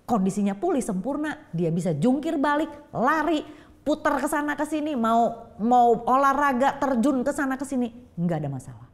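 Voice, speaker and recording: A woman's voice: sits high, normal speed. Middle-aged woman sharing her story on a talk show, voice bouncing up and down a lot, acts out what people said. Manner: lively storytelling, acting out quoted voices. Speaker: guest. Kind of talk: emotional personal testimony.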